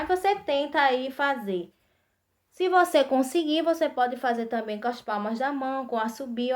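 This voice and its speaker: A woman from Brazil, speaking a little high, teaching a recorded arts lesson for small children. She goes over each instruction patiently and repeats herself. She keeps pausing to check that the kids are following. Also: a bit bright. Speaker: primary school arts teacher. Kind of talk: recorded remote class for young children.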